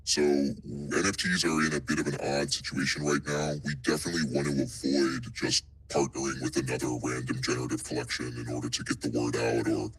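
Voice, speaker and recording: Man through a deep pitch-shifting voice changer. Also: level tone, a little fast, few pauses, a bit bright, slightly rough, poor audio. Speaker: NFT art project representative answering questions. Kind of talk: casual online Q&A answers.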